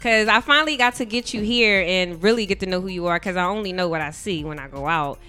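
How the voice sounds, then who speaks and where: A woman's voice: on the low side, fast, sharp tone, clean tone, faint music behind. A woman hosting a casual podcast interview, teasing her guests and laughing often. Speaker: podcast host.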